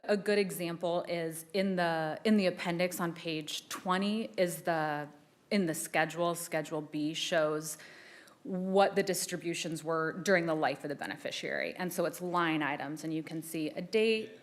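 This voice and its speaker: A woman attorney presenting an oral argument in a courtroom, measured and formal, answering the judges' questions with occasional restarts. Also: lowish voice. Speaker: assistant attorney general arguing an appeal.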